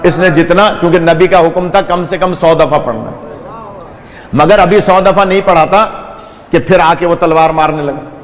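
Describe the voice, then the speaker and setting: A man's voice: on the high side, steady tone, long reverb tail. A man preaching a sermon to a gathering, retelling a story dramatically with quoted dialogue and blessings for the listeners.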